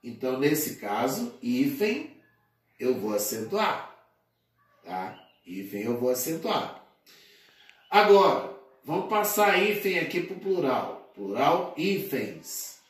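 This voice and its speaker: A man teaching a grammar lesson, explaining slowly and deliberately, spelling out word endings and checking in with his listeners often. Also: on the high side, very animated. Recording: very echoey, distant from the mic.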